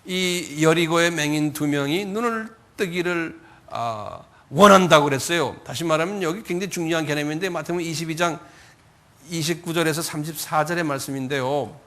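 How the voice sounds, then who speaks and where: Conversational Korean pastor, slightly high voice. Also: male voice, normal speed, bright, forceful tone. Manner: conversational preaching, acts out quoted pleas with raised voice; frequent repetitions and self-corrections. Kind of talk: Sunday sermon.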